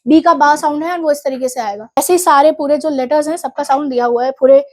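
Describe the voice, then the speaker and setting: High-voiced woman teaching exam revision. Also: quick pace. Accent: Indian English. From India. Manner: mixes Hindi and English, explains step by step.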